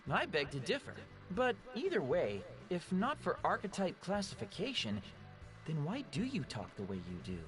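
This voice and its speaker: A man's voice: a little high, moderate pace. A man voicing a cheeky, easily exasperated teenage boy in an anime game, talking casually. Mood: coaxing, teasing. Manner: casual, animated. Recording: music behind the voice.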